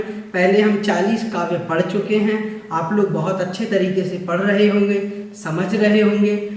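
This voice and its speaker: A man with a fairly high voice teaches at an unhurried pace, patiently repeating each word until the pronunciation is right. He sits back from the microphone, and the room around him rings with a long, hollow reverb. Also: a little mellow. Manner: slow, patient explaining, repeats words for pronunciation. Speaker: religious teacher. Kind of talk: online scripture class. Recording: echoey room, voice from far off.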